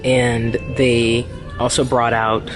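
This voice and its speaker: A man's voice: mid-range voice, little pitch movement, slow. A man hosting a casual food vlog, chatty as he describes dishes and teases in playful banter. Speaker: vlogger. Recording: music playing behind.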